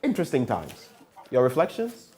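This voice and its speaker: A man's voice: medium pitch, huge pitch swings, moderate pace, darkish tone. A man with a Ghanaian English accent hosting a morning newspaper review, reading headlines and asking pointed questions. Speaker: news review host.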